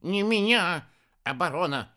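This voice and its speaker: A man's voice: high-pitched, expressive, a little slow, sharp tone, pitched above the performer's own voice, exaggerated voice. A man voicing a touchy, grumpy wild ostrich who answers sharply.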